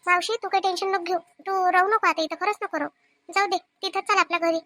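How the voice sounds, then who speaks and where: Cartoon: very high, quick young daughter, voiced by a woman, soothing, Vidarbha Marathi accent. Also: steady tone, sharp tone, dry recording. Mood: comforting. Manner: soothing, reassuring. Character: caring young daughter comforting her aunt.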